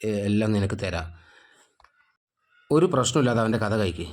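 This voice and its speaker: A crafty male accomplice arranging a secret escape, as a male narrator reads his part. The lines come out matter-of-fact and close to the narrator's everyday voice. The man's pitch sits slightly low. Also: animated, moderate pace, lightly acted. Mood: conspiring.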